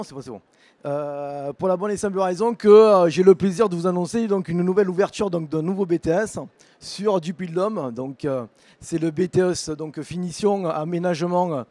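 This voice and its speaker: A middle-aged man with a southern French accent presents a training program at an education fair. His voice sits fairly high but sounds mellow, and he stumbles through filler words and restarts. The sound is close and dry. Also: no echo. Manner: hesitant, heavy use of filler words and restarts. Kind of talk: conference talk at an education fair.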